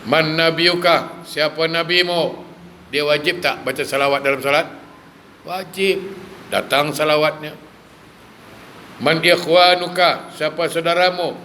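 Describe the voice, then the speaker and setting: Bright-voiced preacher. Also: male voice, on the high side, unhurried, long pauses, slight background noise. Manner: lively, fires rhetorical questions at the audience. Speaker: religious preacher. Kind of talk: sermon with humorous asides.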